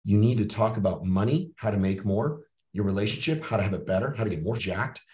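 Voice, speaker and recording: A middle-aged Canadian man speaks quickly in a lowish, slightly mellow voice as he hosts a podcast. His motivational monologue is blunt and profane, in a coaching style, with roomy sound and a mic placed at a distance.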